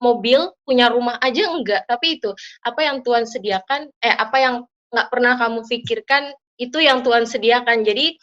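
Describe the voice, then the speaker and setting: Woman giving a heartfelt church testimony, somewhat high and bright, earnest and direct. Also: fairly quick, lo-fi sound. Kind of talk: personal testimony at an online prayer service.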